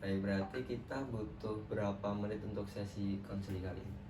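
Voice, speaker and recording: A young adult man, acting as a trainee counselor in a role-play session, speaks a little fast in a lowish voice with little pitch movement. His friendly, casual chat is full of fillers, and the roomy recording from a distant mic has clear background noise.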